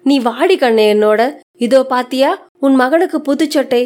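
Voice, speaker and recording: A woman voicing a devout elderly mother who coaxes her daughter softly in a spoken short story. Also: high-pitched, normal speed, natural voice. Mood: tender, coaxing. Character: old devout mother, tender and coaxing.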